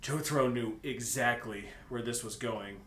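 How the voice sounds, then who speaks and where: A young man reads fan fiction aloud for laughs at normal speed in a fairly bright tone, mixing casual banter with hammy delivery. He giggles, stumbles over words and hams up the quotes, recorded in an echoey room with faint rumbling noise.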